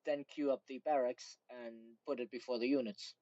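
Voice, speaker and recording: Male co-host, mid-pitched with a dry delivery, explains strategy over a dull remote line. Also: steady tone, normal speed, dark tone, no room sound. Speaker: co-host giving strategy advice. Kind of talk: casual live-stream commentary.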